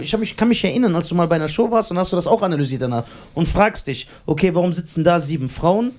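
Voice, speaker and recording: A man's voice: fairly high pitch, darkish tone. A man co-hosting a podcast, chatting casually in a teasing, rambling way with frequent laughter. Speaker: podcast co-host.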